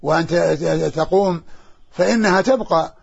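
Gravelly-voiced sheikh giving a halting lesson. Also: male voice, a little high, a little mellow, highs cut off. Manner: halting, with many restarts and repeated syllables. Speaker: sheikh teaching hadith. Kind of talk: scholarly lesson commentary.

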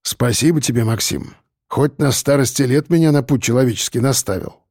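A man voicing a gruff, grumbling older man recovering in a hospital bed. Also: medium pitch, brisk, a little mellow, dry recording, clean studio sound, lightly acted. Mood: warm.

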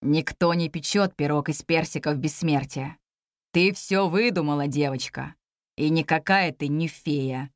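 A woman voicing a stern, mocking male celestial general in a storybook reading, speaking lower than her own voice and scolding. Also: a little slow, no echo, studio quality. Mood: scornful.

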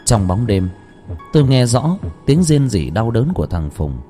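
A man narrating a first-person ghost story dramatically, at times shouting in anguish. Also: mid-range voice, big pitch swings, unhurried. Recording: reverberant with background music.

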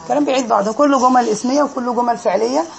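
Quick Egyptian woman teaching grammar. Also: fairly high pitch, creaky, a little hiss or hum. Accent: Egyptian Arabic. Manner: asks the class questions and drills them. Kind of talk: classroom lesson. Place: classroom with students.

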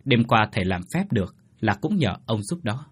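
A man voicing a solemn middle-aged male exorcist, explaining in a grave, measured way. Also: on the low side, very animated, breathy edge.

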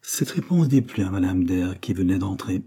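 Husky, dark-voiced male narrator. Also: deep voice, lively intonation, moderate pace. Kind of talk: audiobook reading of a classic novel.

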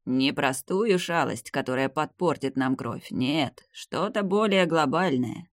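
A man's voice: on the high side, expressive, unhurried, no echo, clean studio sound. A man voicing a stern old vampire patriarch. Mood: grave. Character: old male vampire clan head, stern grandfather. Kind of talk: audiobook character reading.

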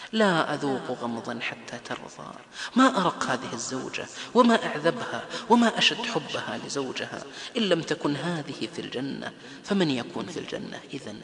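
A man preaching a lively religious lecture, acting out the voices he quotes. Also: on the high side, vocal fry. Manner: animated, acts out quoted voices. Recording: echoey hall with crowd.

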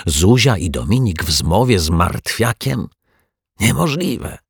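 A man voicing a calm, good-natured detective who asks brisk questions with quiet amusement, in an audiobook. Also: low-pitched, husky, no room sound, studio quality, heavily acted. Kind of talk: audiobook character voice.

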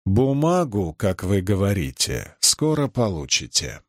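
A stiff, indignant official with a cold, clipped and formal delivery, played by a man reading an audiobook. His words come low and measured, recorded dry and close. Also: big pitch swings, dry recording. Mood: stern.

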